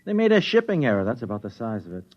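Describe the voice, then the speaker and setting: An actor playing a flustered, wavering husband and keen tinkerer in a 1950s radio drama, stammering and blustery, on a muffled old recording. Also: male voice, medium pitch, wildly swooping pitch, racing, darkish tone. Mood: flustered surprise.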